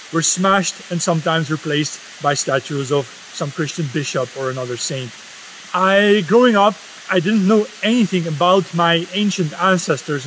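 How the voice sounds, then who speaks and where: Out in a forest, a video essay host delivers a solemn, impassioned spoken essay straight to camera. He's a Dutchman in his fifties whose first language is Dutch, and his voice is on the high side and a bit bright. The recording is rough, with slight background noise.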